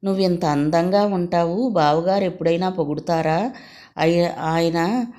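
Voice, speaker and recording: A gentle youngest daughter, quick with a reply yet soft and peacemaking, as a woman narrator puts her on. The voice is lowish and close to plain reading. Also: fairly even intonation, natural voice. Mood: pleading. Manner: soft, pleading, teasing.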